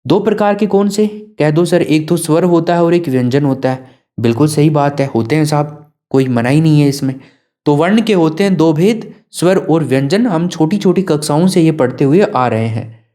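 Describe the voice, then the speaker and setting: Male teacher, mellow voice, lecture style with questions to the class. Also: fairly high pitch, normal speed. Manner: asks students questions and answers them himself. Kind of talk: classroom lesson.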